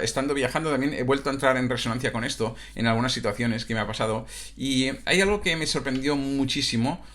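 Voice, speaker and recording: A man's voice: medium pitch, fairly bright tone. A man from Catalonia, a coach talking in a casual, reflective monologue that stumbles over restarts and tag questions. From Catalonia, Spain.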